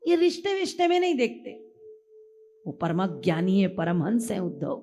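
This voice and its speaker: Slow, devotional woman preacher. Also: sits high, darkish tone. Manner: storytelling, with emotional quoted voices. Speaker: spiritual preacher. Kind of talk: devotional discourse.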